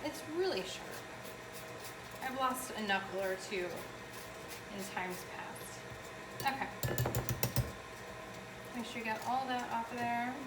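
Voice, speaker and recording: A woman with a fairly high voice hosts a casual cooking demonstration in a chatty, emphatic way. She is recorded at some distance from the mic in a roomy, echoing space, with clear background noise. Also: takes it slowly, pauses often. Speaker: home baking show host.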